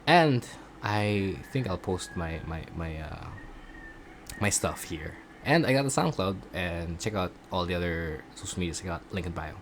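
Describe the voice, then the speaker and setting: A man chatting casually in a video diary about his voice acting classes, rambling and halting, often poking fun at himself. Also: low voice, expressive, background noise. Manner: self-deprecating. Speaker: voice acting student vlogger.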